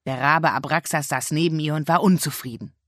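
A narrator reading a children's story aloud in a lively, expressive audiobook style. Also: medium pitch, fairly quick, no room sound, studio quality.

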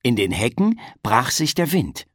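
A woman reading a children's story aloud slowly and calmly, with expressive rises and falls. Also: extremely low pitch, husky, no echo, clean studio sound. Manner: slow, calm and expressive.

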